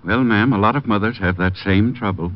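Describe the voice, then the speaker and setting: A man playing a polished, reassuring American pitchman in a scripted old radio commercial. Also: a little fast, lightly acted. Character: helpful, assured male drugstore pitchman. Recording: muffled old radio recording.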